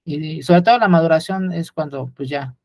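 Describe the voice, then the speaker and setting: A man's voice: on the high side, moderate pace, vocal fry, a little mellow, dry recording. A man gives an unscripted lecture, often hesitating with fillers and restarts while pointing things out on a chart.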